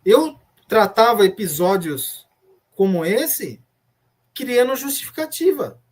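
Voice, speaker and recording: A man with a Brazilian Portuguese accent, a former church member telling his story in an interview, earnest and reflective, often restarting his sentences. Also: extremely high pitch. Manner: earnest, reflective, retelling memories with many restarts. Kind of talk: personal testimony in an interview.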